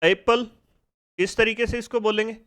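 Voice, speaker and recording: A man's voice: high voice, steady tone, normal speed, fairly bright tone, smooth. A man teaching a spoken phonics lesson in speech, asking the class questions and drilling each sound step by step. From India.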